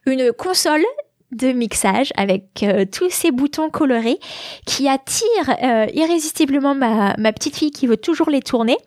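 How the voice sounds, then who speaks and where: A woman's voice: sits high, lively intonation, moderate pace, a little mellow, no room sound. Hesitant French woman podcasting, dry mic. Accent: French with slight English influence. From France. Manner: hesitant, many fillers and restarts. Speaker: podcast host. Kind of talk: casual podcast monologue. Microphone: large studio mic with headphones.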